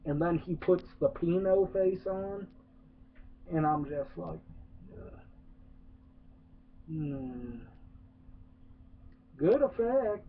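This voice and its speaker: A man's voice: on the high side, expressive, extremely slow, long pauses, slight background noise. A man ranting through a sarcastic movie review, rambling with lots of "uh"s and swearing. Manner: rambling, profane, many filler "uh"s, sarcastic. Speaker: film reviewer. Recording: tinny phone-like lo-fi.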